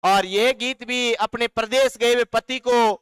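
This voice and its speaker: Man, Rajasthani accent, online class teacher, high voice, smooth and clear, dictates notes, sings song snippets, dry close sound. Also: steady tone, unhurried, fairly bright tone, no echo. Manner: reads live chat comments aloud and answers them.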